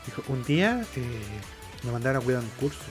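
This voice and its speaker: A man's voice: mid-range voice, very animated, fast talker, faint music behind. A young Chilean man co-hosting a podcast, telling a story in casual chat, acting out the quotes, swearing and laughing often. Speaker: podcast co-host.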